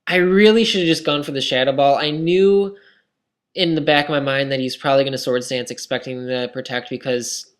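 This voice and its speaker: Speaking fairly quickly in a steady, mid-range voice, a young gaming commentator covers his own online match. His tone is tired and scratchy, his talk casual, rambling and self-critical.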